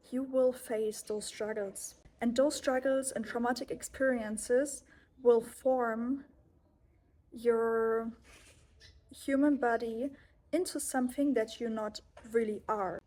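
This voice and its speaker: A young woman with a German accent speaks in a heartfelt personal monologue, earnest and gentle, often restarting her phrases. Her voice sits somewhat high. A faint hum of room ambience lies underneath. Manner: earnest, heartfelt, self-correcting. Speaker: yoga teacher and vlogger.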